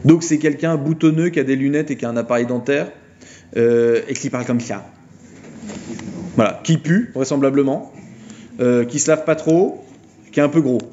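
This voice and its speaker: Man lecturing with lively mockery. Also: a little high, a little fast, lo-fi sound, a little hiss or hum. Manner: animated, mocking storytelling with acted-out voices. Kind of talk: informal philosophy lecture.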